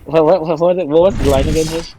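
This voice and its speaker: A man's voice: a little high, fairly even intonation, quick pace, background noise. A man co-casting a mobile esports final, playful and stumbling over repeated words. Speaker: esports co-caster. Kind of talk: casual esports commentary. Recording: online stream with game music behind.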